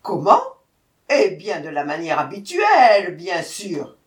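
A woman voicing a fierce, impatient male tiger in a storybook tale, loud, growling and bossy. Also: mid-range voice, big pitch swings, slow. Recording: echoey room, voice from far off.

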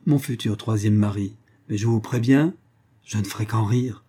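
A self-assured woman of forty, calm and teasing, who speaks in measured proverbs, as a male reader gives her voice. The voice sits low and very dark, with a husky edge. Her phrasing stays unhurried and sententious. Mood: calm assurance. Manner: composed, sententious.

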